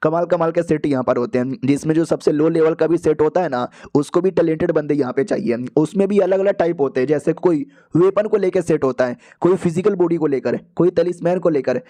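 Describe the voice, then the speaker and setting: A man narrates a comic recap in a loose, slangy, joking way. His voice is high and soft, with a warm tone. He keeps it chatty and casual, the way you would tell a friend a story. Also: brisk, hardly any pauses.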